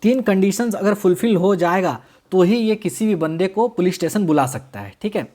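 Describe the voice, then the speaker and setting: Man dictating a law lecture slowly. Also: high-pitched, lively intonation, darkish tone. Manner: repeats key terms slowly for dictation, quizzes students; mixes Hindi with English legal terms. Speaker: law teacher. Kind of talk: classroom-style lecture.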